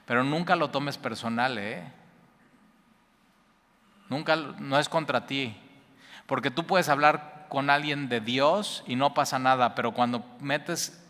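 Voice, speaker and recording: A man preaching a sermon, his voice bright and forceful. He talks straight to his listeners in a lively, conversational way, full of asides. The sound rings out with a long reverb. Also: medium pitch. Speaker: pastor. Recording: reverberant hall.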